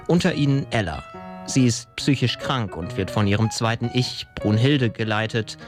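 A man's voice: medium pitch, moderate pace. A man reading scripted narration as the storyteller of an audio drama. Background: music.

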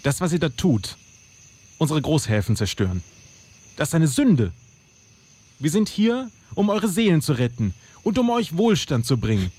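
A man's voice: a little high, sing-song, normal speed, long pauses, darkish tone, breathy edge. A man playing an anxious, devout young soldier in an audio drama, with a hesitant, stammering delivery. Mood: indignant.

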